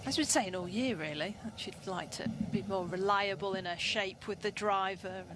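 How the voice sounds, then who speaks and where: A woman's voice: mid-range voice, normal speed. A woman giving live golf commentary, describing shots and scores. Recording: clear outdoor ambient noise.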